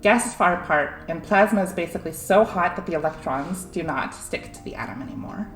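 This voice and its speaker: A woman's voice: lowish voice, lively intonation, a little fast. Young woman, streamer, casual science talk, giggly, filler words, echoey room, faint music.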